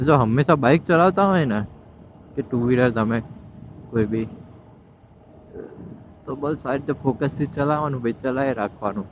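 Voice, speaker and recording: Riding his motorbike outdoors through city traffic, a man offers relaxed running commentary, pausing often and speaking at a moderate pace in a medium-pitched voice. He scolds wrong-side drivers and slips into Hindi; the recording is dull and lo-fi with faint traffic sounds.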